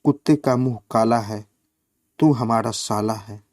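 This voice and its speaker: A cheeky, spoiled little boy taunts in a singsong voice, as a storyteller puts him on. The lines come slowly and stay at a middle pitch. The sound is close and dry. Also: darkish tone, no room sound, natural voice. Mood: taunting.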